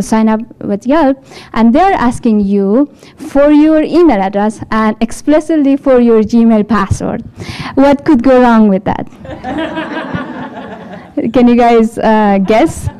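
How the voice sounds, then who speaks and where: An Afghan woman with an Afghan accent, working as a developer support engineer, gives a chatty tech conference talk packed with rhetorical questions in an event hall before an audience. Her voice is on the high side, smooth and dark-toned, but the audio is poor.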